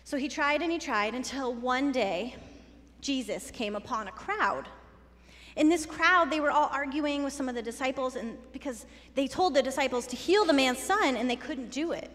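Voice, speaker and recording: High-voiced woman giving a children's sermon. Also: animated, moderate pace, fairly bright tone. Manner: playful, conversational, talking to kids. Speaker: children's message leader. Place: church sanctuary. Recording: long church reverb.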